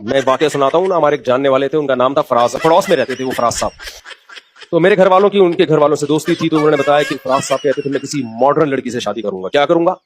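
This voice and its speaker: A man's voice: on the high side, very fast, music in the background. A man giving a humorous religious talk, telling anecdotes and acting out the voices of the people in them. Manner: animated storytelling, acts out voices. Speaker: religious speaker. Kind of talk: humorous sermon.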